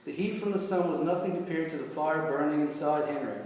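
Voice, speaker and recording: A man's voice: a little high, fairly quick, a little mellow, slight background noise. A man reading his own short story aloud at a live reading, with dry, wry delivery. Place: reading venue hall. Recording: echoey hall, far from mic.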